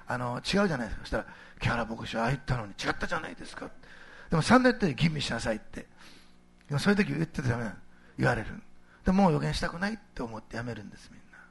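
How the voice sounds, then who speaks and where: A middle-aged male pastor giving a sermon in a conversational, animated way, posing rhetorical questions to the congregation. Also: fairly high pitch, creaky, husky.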